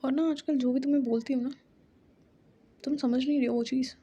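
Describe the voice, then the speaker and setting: A woman playing an insistent, hot-tempered young woman, high voice, dark mellow tone. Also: fairly even intonation, fairly quick, breathy edge, highs cut off. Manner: insistent, pleading.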